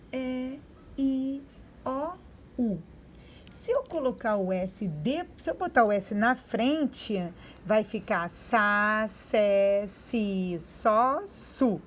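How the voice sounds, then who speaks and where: Slow, high-voiced woman teaching children. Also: a little hiss or hum. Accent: Brazilian Portuguese. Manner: slow, drawn-out sounding-out of syllables. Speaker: primary school teacher. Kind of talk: remote reading and spelling lesson for young children.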